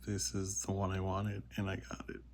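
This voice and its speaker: Low, creaky, soft-spoken man, monotone. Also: normal speed, slight background noise. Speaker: unboxing video host. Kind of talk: casual unboxing chat.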